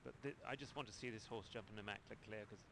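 A man's voice: fairly low pitch, very fast, vocal fry. A man adding enthusiastic expert remarks as co-commentator at an equestrian event. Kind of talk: sports commentary. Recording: outdoor broadcast with crowd noise.

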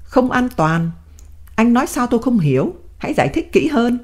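A woman's voice: on the high side, big pitch swings, moderate pace, a little mellow, pitched above the performer's own voice. Woman doing a cold, curt male interrogator. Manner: curt, probing questions.

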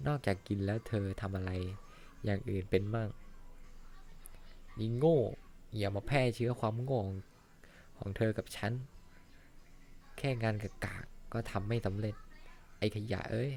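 A man's voice: on the low side, moderate pace, long pauses, darkish tone, natural voice. A man voicing a harsh middle-aged male boss in a fan-dubbed cartoon, talking in a scornful, insulting way. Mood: contemptuous. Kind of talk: Thai fan dub of an animated series.

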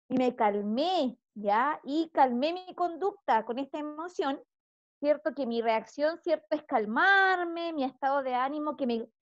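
Chilean lady teacher, high voice, walks little kids thru breathing, kinda muffled sound. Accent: Chilean Spanish. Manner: guides children through breathing and movement. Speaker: preschool teacher. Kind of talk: class for small children.

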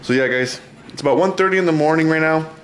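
This casual home vlog features a man in his twenties talking to a handheld camera at arm's length inside his small apartment, in a loose, playful, teasing manner. His voice runs on the high side and quick, with a little background noise.

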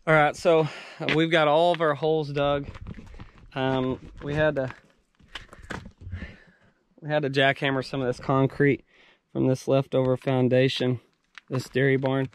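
A man's voice: medium pitch, level tone, a little slow, pauses often, slight background noise. A young man filming a casual vlog outdoors on a ranch, explaining a construction job step by step with many ums and restarts. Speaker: rancher and vlogger. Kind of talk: casual on-site vlog narration. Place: outdoors on a ranch building site. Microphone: handheld action camera at arm's length.

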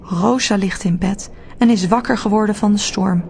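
A woman narrating a children's storybook audiobook in a steady, clear telling. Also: medium pitch, normal speed, slight background noise.

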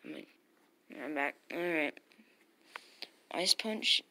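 A woman giving live commentary while playing a battle game, excitable and yelling at the screen. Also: deep voice, slow. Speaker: gamer playing online battles.

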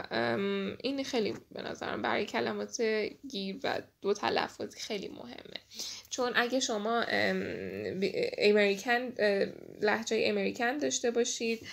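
A woman with a Persian accent talks over a screen recording as an English teacher, explaining step by step. Her voice sits a little high and has a gravelly, creaky edge. She hesitates often, filling pauses with soft filler sounds. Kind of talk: screen-recorded tutorial walkthrough.

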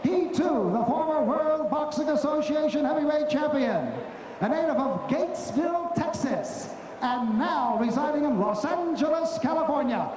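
An older man speaking as a boxing ring announcer, formal and ceremonious, drawing out names into a handheld microphone. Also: darkish tone. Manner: ceremonious projected delivery, drawn-out names. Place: large indoor arena boxing ring. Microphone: handheld microphone over arena PA. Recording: booming echoey arena PA, distant, noisy.

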